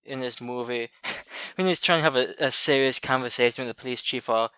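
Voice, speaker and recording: A man in a relaxed podcast chat about films, weighing his views with frequent "um" pauses and soft laughs. His voice is smooth and clear at a middle pitch. The recording is dry and close. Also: no echo. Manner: thoughtful, many "um" pauses, light laughter. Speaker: podcast co-host. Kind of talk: casual movie chat.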